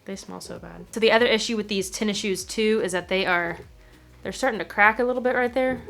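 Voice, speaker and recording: A twenty-something vlogger speaks a little fast with vocal fry in a mid-range, fairly bright voice. She chats casually to her camera, picked up by its on-board mic at arm's length, first at home and then in a parked car, sounding chatty, a touch self-conscious, and heavy on fillers.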